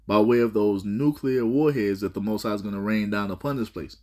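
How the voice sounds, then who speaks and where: A man's voice: lowish voice, steady tone, brisk, darkish tone. A man teaching scripture in a fiery style, stumbling and restarting, with repeated rhetorical questions.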